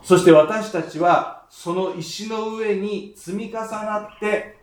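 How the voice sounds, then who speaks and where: Male preacher, fairly high voice, animated, talks straight to the congregation, roomy church echo. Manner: animated, speaks to the congregation and slows down on scripture. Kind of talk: sermon.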